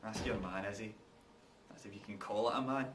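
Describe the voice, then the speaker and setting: A man's voice: on the low side, fairly quick, a bit bright, lightly acted. An actor in a stage reading playing a wronged, bitter working-class man who speaks with scornful, colloquial bluntness. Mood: angry, scornful. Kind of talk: rehearsed stage reading of a drama. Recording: distant mic, background noise.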